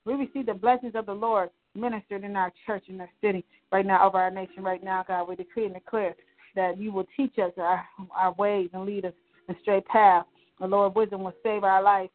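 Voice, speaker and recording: A woman leading a congregational prayer, speaking in fervent, rhythmic repeated declarations. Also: mid-range voice. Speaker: prayer leader. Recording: tinny phone-line sound.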